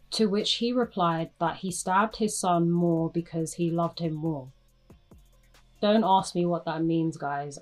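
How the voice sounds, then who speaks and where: Lady true crime podcaster, lowish voice, blunt and a bit sarcastic, soft music behind. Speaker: podcast host.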